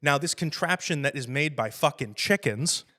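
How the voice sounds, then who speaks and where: A man hosting a podcast, chatting casually about a film in a rambling, profane, animated way and laughing often. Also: a little high, moderate pace. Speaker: podcast host.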